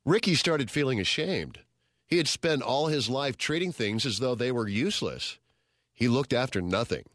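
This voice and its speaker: A man reading a children's story aloud in a steady, gentle storytelling manner. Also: mid-range voice, normal speed, no room sound, studio quality. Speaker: story reader. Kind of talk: scripted storybook narration.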